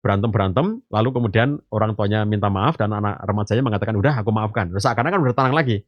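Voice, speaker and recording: A man's voice: lowish voice, rapid-fire, no room sound. Dry-voiced man explaining with homely analogies. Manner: addresses listeners as ayah bunda; frequent filler gitu and eh. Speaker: Islamic teacher. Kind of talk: podcast parenting talk. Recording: dry, slightly muffled.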